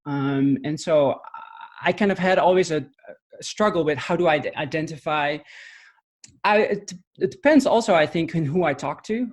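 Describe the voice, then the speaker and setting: Dutch man speaking, slightly high voice. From Netherlands. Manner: thoughtful, halting, many fillers and restarts. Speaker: podcast guest, missionary trainer. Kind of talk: conversational interview answers.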